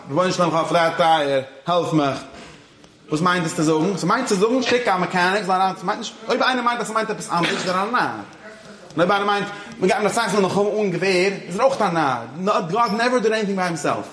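A man's voice: sits high, fairly bright tone, roomy sound. A man giving an informal religious lecture, moving between Yiddish and English and often checking that his listeners follow. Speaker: religious teacher.

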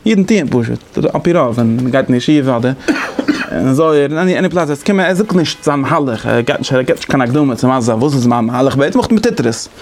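A man's voice: mid-range voice, animated, quick pace, few pauses, a little mellow, slight background noise. A man giving a lecture, explaining conversationally and thinking aloud as he goes. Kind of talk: lecture on interpretation methods.

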